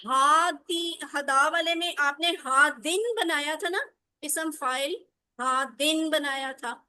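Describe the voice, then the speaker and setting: Woman teacher, bright forceful voice, a bit high, patient drilling of word forms. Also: steady tone. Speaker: Arabic grammar teacher. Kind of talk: online class lesson.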